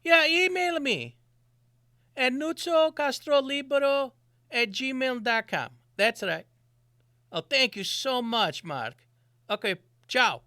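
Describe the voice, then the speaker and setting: A man doing an excitable, broken-English ranter. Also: very high-pitched, slow pace, long pauses, dry recording, studio quality, voice pushed up, full character voice. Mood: eager. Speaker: host. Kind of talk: comedy sketch.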